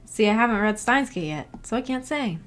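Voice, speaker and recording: Faint music plays behind a woman streamer whose slightly high, animated voice moves fairly quickly. Hosting her book club from a home setup, she reads viewer comments and rambles with giggles as she thinks aloud.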